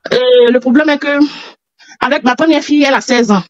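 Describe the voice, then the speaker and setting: A woman's voice: high voice, brisk, highs cut off, slight background noise. A woman, calling in and telling a personal story, agitated, out of breath and repeating herself. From Africa. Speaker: caller.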